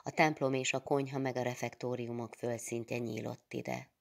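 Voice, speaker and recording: A woman reads a literary novel aloud with a measured, expressive delivery. Her voice is strikingly low, with a gravelly, creaky texture. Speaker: reader.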